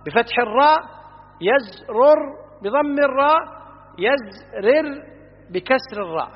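A man teaching from a classical grammar book, patiently explaining and slowly repeating word forms, checking that his listeners follow. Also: very high-pitched. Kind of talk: classroom lecture. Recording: muffled recording in a reverberant hall.

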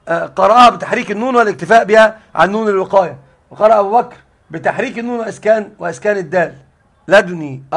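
Male sheikh, high and quick, halting lesson delivery with repeats. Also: fairly bright tone. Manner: halting, repeats words often. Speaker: sheikh teaching hadith. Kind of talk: religious lesson.

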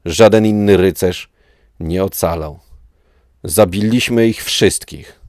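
Storybook villain: man reading as a deep, rough, slow-taunting armored dark lord. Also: no echo, studio quality. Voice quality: rough, mask-distorted voice. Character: menacing armored male dark lord, cold and cruel.

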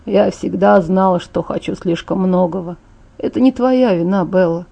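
A woman reading aloud voices a bedridden young man who is wounded and hurt, speaking slowly and gravely, with bitter outbursts. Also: fairly low pitch, dark tone. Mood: tender. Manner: slow, grave, bursts of bitter anger. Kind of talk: audiobook character voice.

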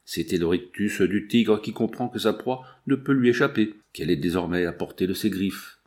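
A man reading a novel aloud as an audiobook narrator, in steady, measured storytelling. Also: lowish voice. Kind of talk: scripted narration.

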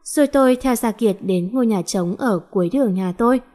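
A woman's voice: a little high, a little fast, mellow. A woman reading a first-person story aloud, voicing the characters' lines with small lifts in her voice.

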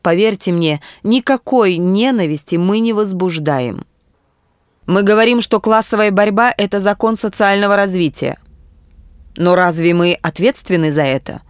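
Lady reading a calm sure socialist guy arguing his case, patient tone, dry close sound, audiobook. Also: mid-range voice, clean tone, no room sound, close to an everyday voice. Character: earnest confident male socialist thinker, calm debater.

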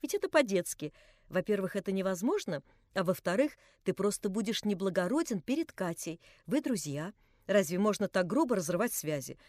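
A woman voicing an anxious, gentle and proud young woman who speaks earnestly and reproachfully. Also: mid-range voice, sing-song, brisk, no echo, clean studio sound, close to an everyday voice.

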